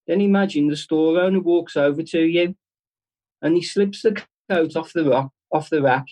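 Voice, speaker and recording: This is a man delivering a short, heartfelt devotional talk to his congregation. His voice sits somewhat higher than most men's. He speaks in a plain, chatty way, often stopping and restarting mid-phrase. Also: darkish tone, rough recording. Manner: earnest and conversational, with halting restarts. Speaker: church speaker.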